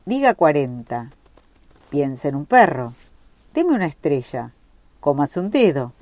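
Woman doing a young girl teasing softly, low voice, dry close sound. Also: big pitch swings, a little slow, dry recording. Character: young woman, playful then guarded. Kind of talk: reading a short story aloud.

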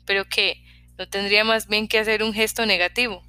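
Chatty young hairdresser, prying and lively, bright tone ; a woman reader doing her. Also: medium pitch, a little fast, clear, resonant tone, dry recording, natural voice. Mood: teasing. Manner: talkative, prying, lively questions.

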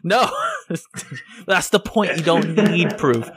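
A man's voice: fairly high pitch, lively intonation, slow pace, noisy background. Joking, rowdy podcast host man. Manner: joking, rowdy hosting, swears freely. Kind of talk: casual podcast chat. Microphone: voice chat over an online call.

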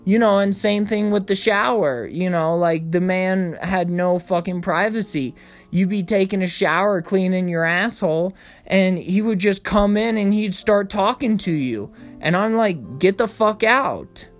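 A man's voice: high-pitched, unhurried, soft background music. A young man telling his own story in a casual, blunt monologue. He swears freely and rants about family frustrations. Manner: profane, blunt and ranting, mimics his parents in raised voices.

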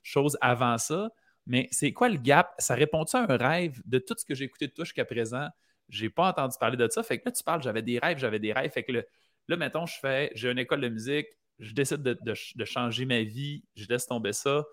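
A man's voice: mid-range voice, expressive, brisk, fairly bright tone. Reflective Quebec man hosting. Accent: Quebec French. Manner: reflective, circling with restarts. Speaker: podcast host. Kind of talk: conversational interview.

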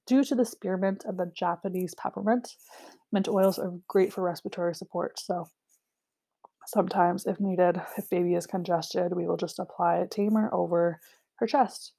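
A woman's voice: medium pitch, gravelly, mellow. A young woman casually walking through a product kit and its prices, chatty with many fillers. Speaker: essential oil seller.

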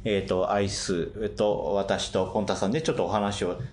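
A man's voice: on the low side, fairly even intonation, fairly quick, a little mellow, slight background noise. A man co-hosting a casual podcast chat among acupuncturists, speaking politely and laughing often. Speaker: acupuncturist and co-host.

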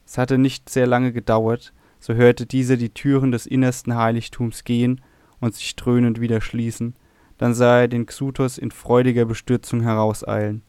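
A man narrating a classic myth book in a measured, even reading voice. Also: medium pitch, clean tone, no room sound. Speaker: audiobook narrator.

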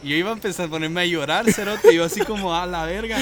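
A man's voice: sits high, quick pace. A young man with a Guatemalan Spanish accent telling a story in casual chat, quoting people with laughs. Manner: relaxed, quotes others with laughs.

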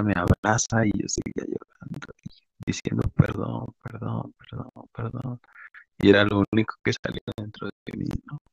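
A young man sharing a heartfelt personal faith testimony in a halting way, with casual slang. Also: low voice, vocal fry, a little mellow, no echo, muffled recording.

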